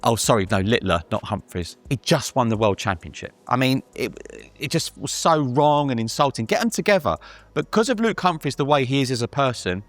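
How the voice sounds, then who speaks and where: A man's voice: mid-range voice, expressive, brisk, hardly any pauses, dry recording. A man talking darts as a guest pundit in a casual panel discussion, chatty and emphatic, often restarting his sentences.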